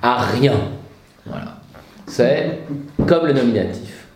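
A man's voice: mid-range voice, lively intonation, takes it slowly, a little hiss or hum. A man teaching a Latin grammar lesson in a classroom, patient and lightly humorous, reciting declensions in rhythmic repetition. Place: classroom with students present. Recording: roomy classroom echo.

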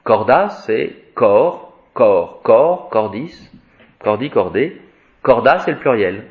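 A man's voice: medium pitch, animated, takes it slowly, phone-quality sound. A man teaching Latin grammar, reciting word endings in a repetitive sing-song and explaining each form. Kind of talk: spoken grammar lesson.

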